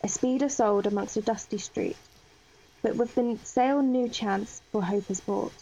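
A woman narrates stage directions and rhymed verse for a homemade table read. Her voice sits slightly high, and she reads briskly and cheerfully. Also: steady tone, vocal fry, dark tone, lo-fi sound.

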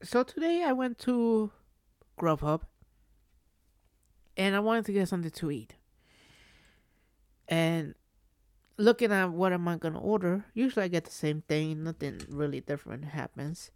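A woman chats casually as a solo podcast host, in a voice a little on the low side. She rambles through her stories, circling back and repeating phrases. The recording is dry and free of room sound. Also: expressive, moderate pace, pauses often, darkish tone, dry recording.

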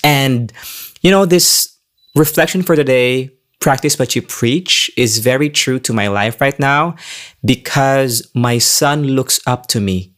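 A man's voice: medium pitch, unhurried, fairly bright tone. A young man, a faith community leader giving a candid, confessional reflection and a prayer, with many restarts.

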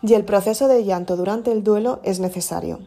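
A woman hosting a self-help podcast, talking calmly and directly to her listener in an encouraging way. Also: medium pitch, a little fast, soft background music. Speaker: podcast host.

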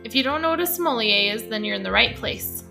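A woman's voice: a little high, animated, fast talker, gravelly, pushed and bright, faint music behind. A woman co-hosting a casual chat podcast, playful and giggly. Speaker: podcast co-host.

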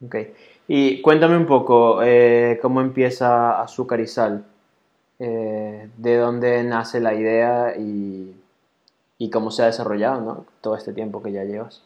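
A man hosting a casual interview podcast, relaxed and friendly, with frequent "eh" and "ok". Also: mid-range voice, a little slow, muffled recording. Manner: relaxed, friendly, uses filler "eh" and "ok". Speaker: podcast host. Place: Barcelona.

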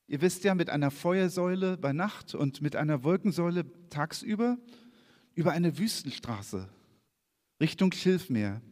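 Male preacher, high lively voice, expressive scripture reading, church reverb. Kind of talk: sermon reading scripture with slides. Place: church hall.

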